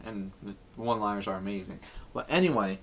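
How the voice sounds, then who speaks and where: A man's voice: fairly low pitch, fast, a bit bright, slight background noise. Rambling, indignant man ranting. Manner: rambling, repetitive, with many restarts and fillers; indignant and earnest. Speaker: vlogger. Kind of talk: casual opinion rant to camera.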